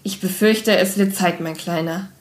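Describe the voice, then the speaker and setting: A woman voicing a kindly, weary male former lab boss who talks softly and sighs, in a storybook reading. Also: steady tone, moderate pace, echoey room, natural voice. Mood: gentle. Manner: soft, low, sighing.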